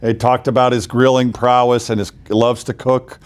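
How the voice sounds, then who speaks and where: A man's voice: mid-range voice, flat delivery, normal speed. Jokey man co-hosting a chat show. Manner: upbeat, jokey, hesitant restarts. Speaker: co-host. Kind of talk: casual interview chat.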